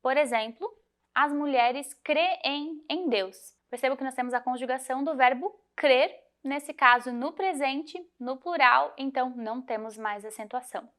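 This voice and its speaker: A woman teacher guiding students through a grammar lesson, clear and methodical, slowing to spell out example words. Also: sits high, a bit bright. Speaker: Portuguese teacher. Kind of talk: recorded lesson walkthrough.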